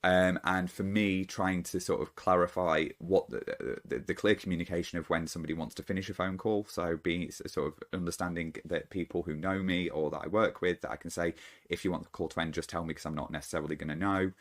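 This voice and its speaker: In a low voice with fairly even intonation, the host of his own channel gives an off-the-cuff solo talk to camera, pausing thoughtfully and often starting his sentences over.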